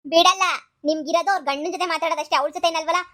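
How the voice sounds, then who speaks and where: A woman's voice: extremely high pitch, steady tone, racing, a bit bright. A woman voicing a jealous, nagging young wife who accuses and needles in a cartoon comedy. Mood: accusing. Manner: accusing, needling, repeats herself.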